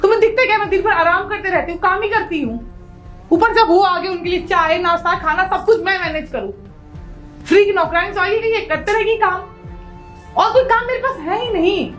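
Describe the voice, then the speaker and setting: An actress playing a resentful young wife who refuses the housework, talking in a sharp, defiant, complaining way. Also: female voice, very high voice, brisk, faint music behind.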